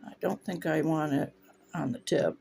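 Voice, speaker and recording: Working in his home glass studio with the windows open, this Northwest Ohio stained glass instructor talks through a relaxed how-to demonstration at normal speed. His voice is gravelly and slightly high, and it falters now and then from a runny nose as he thinks aloud.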